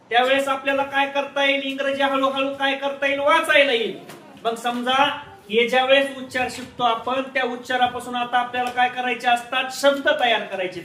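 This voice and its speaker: A male teacher running a call-and-response lesson, loudly quizzing his class and repeating each point. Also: extremely high pitch. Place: echoey classroom full of pupils. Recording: roomy, distant, loud class noise.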